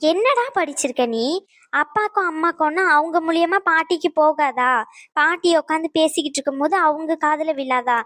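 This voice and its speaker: A woman's voice: sits high, moderate pace, a bit bright, no echo, studio quality. A woman doing cartoon dub voice acting in a bossy, scolding manner. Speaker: cartoon voice actor.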